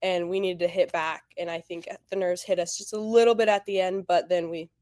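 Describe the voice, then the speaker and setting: A woman in her twenties, a college softball player, talking in a casual interview, animated and full of "like". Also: on the low side, brisk, no echo, clean studio sound. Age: 20s. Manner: animated, heavy use of "like", quotes teammates.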